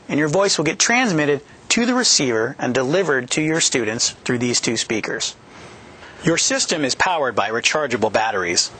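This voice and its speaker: The speaker is a product manager in his thirties presenting a scripted, upbeat training on a studio set backed in yellow. His mid-range voice has a bright, forceful quality and comes through a headset boom mic. He keeps things upbeat and jokey while explaining the steps clearly.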